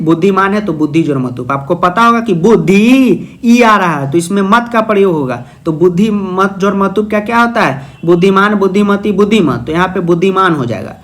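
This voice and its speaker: A man's voice: high voice, fairly bright tone. A young man teaching a Sanskrit exam lesson, playful and jokey, often asking questions and then answering them himself in a student's voice. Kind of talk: exam-prep video lesson.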